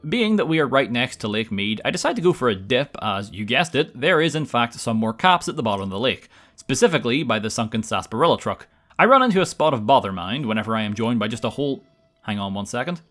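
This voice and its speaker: Wry, very animated male game narrator. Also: medium pitch, quick pace, faint music behind. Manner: wry, casual, tongue-in-cheek. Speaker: gaming video narrator. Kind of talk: scripted gameplay narration.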